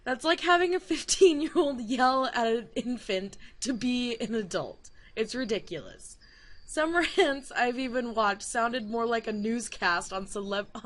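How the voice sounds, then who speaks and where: A young adult woman giving a casual, digressive rant to camera, laughing mid-sentence and swearing now and then. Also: medium pitch. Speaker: YouTuber.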